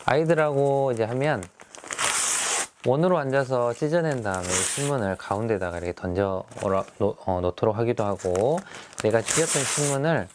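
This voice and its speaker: A man's voice: medium pitch, lively intonation, moderate pace, background noise. A middle-aged male teacher who talks through classroom activities in a friendly, explaining way, often starting with fillers.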